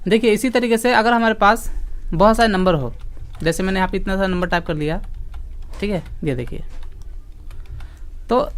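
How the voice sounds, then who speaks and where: A man's voice: high-pitched, fairly bright tone. A man teaching an online computer class, explaining each step patiently and repeating key points. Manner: patient, explains step by step, scolds interrupting students sternly.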